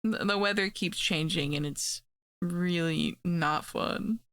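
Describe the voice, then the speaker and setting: A young woman streamer with a raspy voice from being sick, chatting casually and laid-back while she draws. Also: on the low side, slow pace, fairly bright tone, dry recording. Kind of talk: casual chat while drawing.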